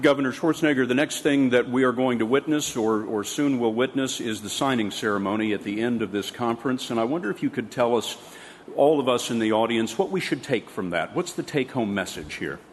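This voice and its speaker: A middle-aged man moderating a conference panel, speaking in a measured way and slowing down to stress his points. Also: medium pitch. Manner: measured, slows down for emphasis. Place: large conference hall. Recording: echoey hall with faint room noise.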